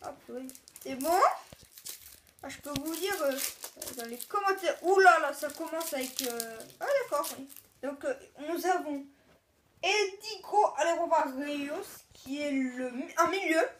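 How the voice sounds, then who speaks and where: Woman host with a high pitch, easygoing and a bit halting, talking viewers through an unboxing. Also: lively intonation, a little hiss or hum. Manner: halting, chatty, lists names one by one. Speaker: video host. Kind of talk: casual card-unboxing commentary.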